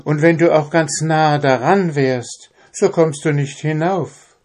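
A man's voice: fairly high pitch, takes it slowly, a little mellow, voice pushed up. A man voicing an enchanted king's daughter, a young woman pleading for help in a storybook tale.

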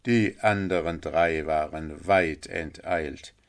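A man reading a children's story aloud in a calm, measured way. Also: rumbling low, smooth. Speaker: narrator. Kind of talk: storybook narration.

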